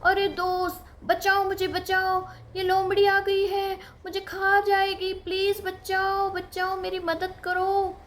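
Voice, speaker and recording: A high, squealing little lamb, a prankster who loves a joke, as a woman puts him on. The voice is bright and piping, in a storybook puppet tale with a faint hiss behind it. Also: takes it slowly, few pauses, full character voice. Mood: crying for help. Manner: high squealing cries and giggles. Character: playful young lamb, prankster.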